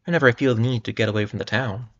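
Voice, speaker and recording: Man putting on a young british woman, teasing, breathy and coy, pulp-novel heroine, dull lo-fi sound. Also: mid-range voice, steady tone, rapid-fire, close to an everyday voice. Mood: coy, inviting. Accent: British (put on). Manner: soft, teasing, then shrieking.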